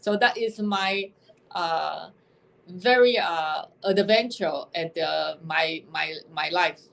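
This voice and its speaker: A woman's voice: fairly low pitch, takes it slowly, vocal fry, low-quality recording. A woman in her fifties from Taiwan with a Taiwanese Mandarin accent, telling her story as a guest on a video call, speaking hesitantly. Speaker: guest entrepreneur. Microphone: webcam on video call.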